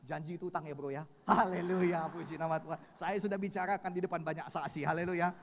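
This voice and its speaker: A man preaching a sermon as pastor in a large church, shouting at climaxes and joking with the congregation. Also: fairly high pitch, steady tone, quick pace, noisy background. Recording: live church hall reverb with music.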